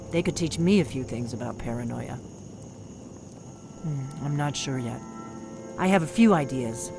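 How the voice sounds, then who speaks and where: Over game music, a woman performs the role of a middle-aged veteran from an old order of guards, a secretive figure in a video game. She speaks bluntly and conspiratorially, keeping her delivery low and intense.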